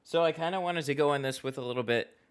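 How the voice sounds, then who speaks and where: Chatty, laughing tint shop host. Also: male voice, fairly high pitch, fast, a crowd in the background. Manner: chatty, laughs often, answers viewer comments aloud. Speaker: window tint installer and livestream host. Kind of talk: casual livestream chat while working. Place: tint shop garage, indoors.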